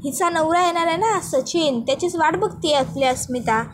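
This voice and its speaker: Jovial older father, chiding kindly, voiced by a woman narrator; high-pitched. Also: moderate pace, slight background noise. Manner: chiding, good-humoured.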